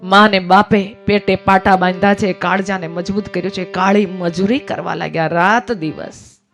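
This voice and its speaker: A woman's voice: mid-range voice, steady tone, moderate pace. Woman telling a devotional story. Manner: emotional storytelling, voices the characters' pleas. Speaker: religious storyteller. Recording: faint music behind voice.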